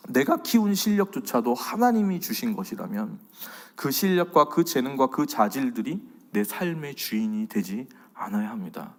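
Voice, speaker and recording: Animated Korean pastor with hall reverb. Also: male voice, a little high. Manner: animated, swings between loud and soft. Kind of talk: sermon-style faith lecture.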